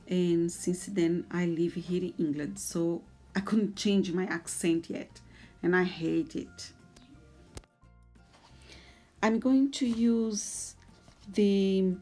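An art tutor in her forties from Brazil explains a drawing tutorial in English with a Brazilian Portuguese accent. Her mid-range voice is soft, hesitant, and a little nervous.

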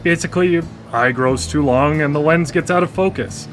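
In a live radio drama, a man plays the lead, a former engineer who recently went blind, hesitating and stammering with wry, self-deprecating humor and an awkward feel. His natural, somewhat high voice is brisk, recorded on a studio microphone with faint music behind.

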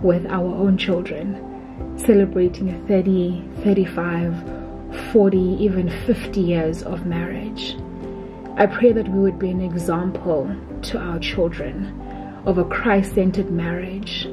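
A woman with a South African accent reading a heartfelt, prayerful letter as a voice-over, slow and tender. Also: fairly low pitch, little pitch movement. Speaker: vlogger. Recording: dull voice-over under loud music. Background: music.

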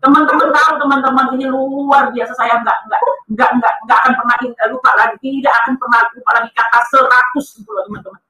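A high, bright-voiced woman tells a personal testimony at a quick clip. She speaks earnestly and with emphasis, and she keeps addressing her listeners as friends. Her voice sits back from the mic in an echoey room. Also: steady tone, far from the mic.

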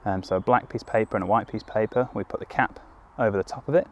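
A young UK man, crouched in woodland, teaches foraging step by step, with easygoing ums and false starts. His lowish voice moves at a quick pace, and a faint hiss or hum sits under the audio. He's recorded outdoors in a clearing by a tripod camera a few metres away.

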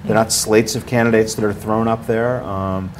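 On a rough recording with slight background noise, a man in his forties answers interview questions in a small indoor TV studio. He's a ski area marketing director with a low-ish voice and moderate pace, rambling, restarting, using fillers, and getting louder when worked up.

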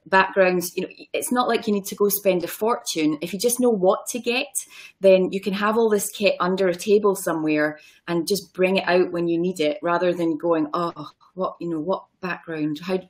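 A woman guest chatting casually on a live online class, rambling and halting with restarts. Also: fairly low pitch, fairly even intonation. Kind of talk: casual chat.

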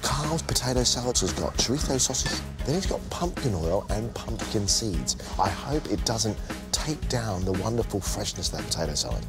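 A man's voice: lowish voice, very animated, moderate pace. A British man judging a TV cooking competition, announcing the round in a firm voice and commenting on dishes. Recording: music under the voice.

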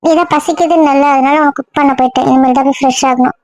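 A woman with a very high voice scolds at a rapid clip in an audio drama. She sounds bossy and sharp-tongued. The recording is close and dry, with no room sound. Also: fairly even intonation, no echo. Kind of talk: Tamil audio drama acting.

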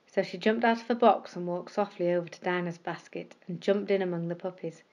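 A woman with a lowish voice narrates scripted bedtime stories for children, telling them in a measured, expressive way.

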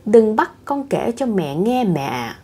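Tearful young bride, pleading, husky, slow, a woman reading. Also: medium pitch, big pitch swings, mellow, full character voice. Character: young bride sobbing to her mother.

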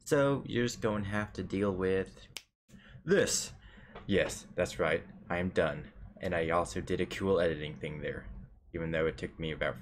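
Low-voiced joking gamer man. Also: a little hiss or hum. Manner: joking, self-mocking, chatty. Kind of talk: casual gameplay commentary.

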